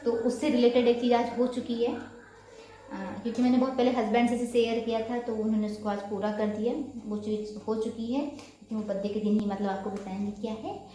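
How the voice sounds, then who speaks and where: A young woman chats quickly and casually to her viewers while cooking at home. Her voice sits a little high, and the kitchen around her rings with a lot of echo. She was recorded on a phone camera. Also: steady tone, mellow. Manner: fast, chatty talker. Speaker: vlogger. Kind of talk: casual cooking vlog chat. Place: home kitchen with a fan running. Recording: very echoey room.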